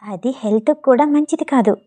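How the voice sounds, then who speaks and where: A woman voicing an earnest, self-reliant young actress in an audiobook story, speaking with quiet conviction. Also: on the high side, a little fast, lightly acted.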